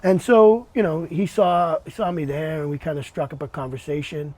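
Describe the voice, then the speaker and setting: A man hosting a podcast interview, chatting in a relaxed way, often repeating words and calling his guest "man". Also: on the high side, moderate pace. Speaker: podcast host. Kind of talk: casual interview chat.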